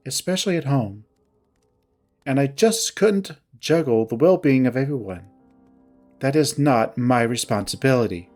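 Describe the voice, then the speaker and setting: In this story, a man voices a stern young female animal character who talks with curt, deliberate formality. She sounds wounded and accusing, holding herself tightly, and music plays underneath. His voice is mid-range, mellow, and natural.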